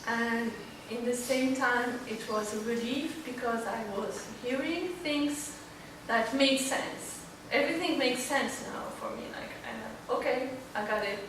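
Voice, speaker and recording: A woman with a Moroccan Arabic accent gives an informal personal talk as a student panelist in a library event room, searching for words as she goes. Her voice is a little high, at a measured pace with few pauses, in a very echoey, distant, clearly noisy recording.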